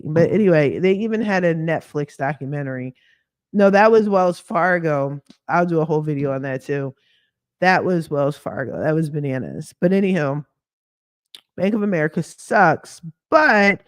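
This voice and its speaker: A woman whose voice has gone hoarse and deeper from a lingering cough talks through a casual screen-share walkthrough. She runs a credit repair business and speaks candidly in slang, with sassy asides. The recording is dry and close on a computer mic.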